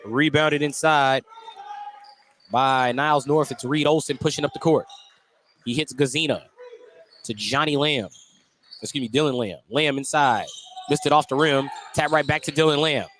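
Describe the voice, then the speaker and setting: Calling a basketball game live on radio from an indoor gym, this announcer has a mid-range, fairly bright voice at normal speed and pauses often. Gym noise and bouncing balls fill the noisy broadcast.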